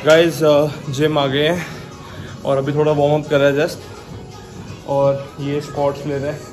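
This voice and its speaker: A man's voice: fairly high pitch, moderate pace, soft background music. A young man casually explaining his route and workout to viewers on a handheld phone outdoors. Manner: relaxed, explaining route and gym routine to viewers. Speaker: vlogger. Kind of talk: casual chat. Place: outdoors on a cycle path and in a gym. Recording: noisy outdoor street ambience.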